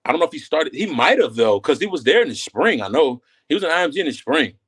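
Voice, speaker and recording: A man's voice: on the high side, sing-song, a bit bright, slightly rough. A man talking casually about college football recruiting as a guest, loose and full of fillers and restarts. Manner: quick, loose talk with many fillers and restarts. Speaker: guest analyst. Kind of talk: casual sports talk.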